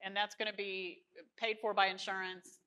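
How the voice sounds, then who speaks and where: A woman's voice: medium pitch, level tone, moderate pace, sharp tone, clear, resonant tone, rough recording. A woman hosting a discussion on caregiving, reflective and summarizing what the guest says. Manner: reflective, summarizes and clarifies points. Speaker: host. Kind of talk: casual panel discussion.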